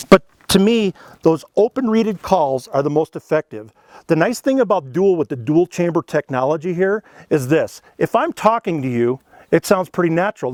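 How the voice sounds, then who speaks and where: A man's voice: fairly high pitch, no echo. Earnest folksy man teaching elk calls. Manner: folksy, earnest, explains step by step with "you know" and "okay". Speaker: elk calling instructor. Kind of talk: casual instructional demonstration.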